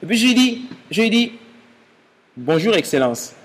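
A man's voice: very high-pitched, fast talker, a bit bright, long reverb tail. A man from Gabon preaching a sermon as pastor, speaking straight to his listeners with rising emphasis.

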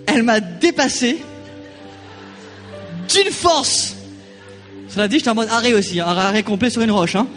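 High-voiced preacher in a reverberant hall. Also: male voice, slow pace, long pauses, soft background music. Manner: animated storytelling, acting out quoted voices. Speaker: pastor. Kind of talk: sermon with personal anecdote. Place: church.

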